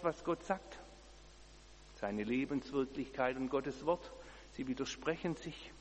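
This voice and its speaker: A man giving an earnest sermon, speaking in a measured way and repeating key words for emphasis. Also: mid-range voice, big-room sound, slight background noise. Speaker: preacher.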